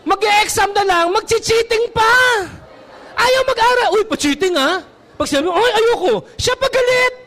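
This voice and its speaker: A man's voice: very high voice, moderate pace, fairly bright tone, a faint crowd, a little hiss or hum. A man with a Filipino accent preaching a sermon as pastor, mixing Tagalog and English and calling out to the congregation for amens.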